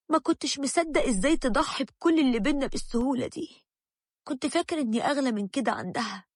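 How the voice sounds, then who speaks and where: Egyptian woman narrating a story, higher voice. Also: slightly rough, dry recording, clean studio sound. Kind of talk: first-person story narration.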